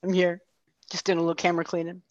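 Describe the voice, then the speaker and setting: A woman's voice: fairly low pitch, completely flat delivery, fast, no room sound. A middle-aged woman co-hosting a casual chat over a video call with a headset, talking in a friendly way with lots of fillers. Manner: chatty, friendly, filler-heavy. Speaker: co-host. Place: home room. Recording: dull, dry video call audio.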